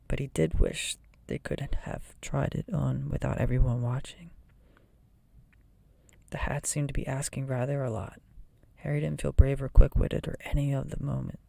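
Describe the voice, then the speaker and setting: A person reading a children's fantasy novel aloud in a soft, breathy ASMR whisper. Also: mid-range voice, steady tone, normal speed, no echo. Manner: soft whisper, often voiceless.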